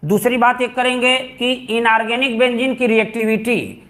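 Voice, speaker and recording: A man's voice: very high voice, steady tone, moderate pace, fairly bright tone. A male chemistry teacher lecturing students, repeating key terms and stressing what is important, calling them "beta" and mixing English words into his speech. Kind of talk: classroom lecture.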